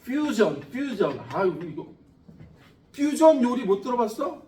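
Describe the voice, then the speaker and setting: A man's voice: very high-pitched, sing-song, measured pace, warm tone. A man lecturing a science class, blunt and profane, joking and firing questions at his students. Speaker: science lecturer at a cram school. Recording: echoey room, mic at a distance.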